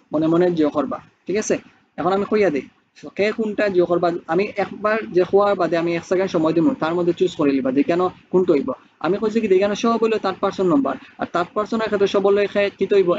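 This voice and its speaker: Male English teacher, quick high voice, dull recording, faint hiss. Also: a little mellow. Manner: explains step by step, asks rhetorical questions. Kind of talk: spoken English lesson.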